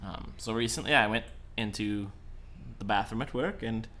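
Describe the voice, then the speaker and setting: Bright-voiced man, laid-back podcast co-host. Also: on the low side, normal speed. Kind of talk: casual comedic chat.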